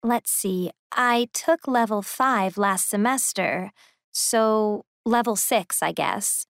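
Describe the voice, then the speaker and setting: A woman's voice: medium pitch, gravelly, a bit bright, no room sound, clean studio sound. A woman voicing a young woman student signing up for an English class in a scripted textbook dialogue. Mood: relaxed.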